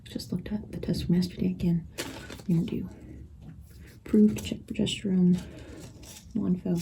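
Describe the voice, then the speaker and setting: A woman's voice: fairly low pitch, level tone, moderate pace, creaky, mellow. Whispering woman, tearful and nervous. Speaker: vlogger filming a pregnancy test. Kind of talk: intimate whispered vlog. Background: guitar music.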